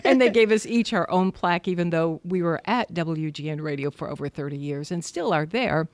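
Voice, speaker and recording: A woman's voice: fairly low pitch, a little fast, no echo. An older woman, a veteran broadcaster, chatting and telling stories as an interview guest in a jokey, self-deprecating way.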